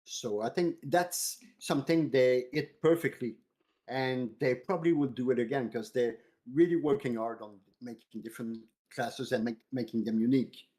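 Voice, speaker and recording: Male co-host, measured and sincere, casual chat delivery. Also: mid-range voice, dark tone. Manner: earnest, measured, restarts phrases.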